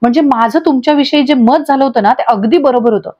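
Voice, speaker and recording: A woman's voice: sits high, fast, mellow, lo-fi sound. A woman voicing a distraught young wife who pleads and accuses through tears in a storybook recap. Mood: tearful, angry. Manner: pleading, accusing, breaking into sobs.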